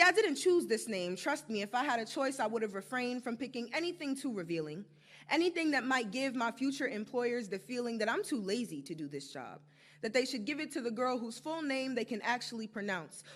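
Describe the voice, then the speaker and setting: A woman's voice: fairly high pitch, fairly bright tone. A young American woman performing spoken word poetry to a live audience, with an emphatic, rhythmic delivery. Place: live stage before an audience.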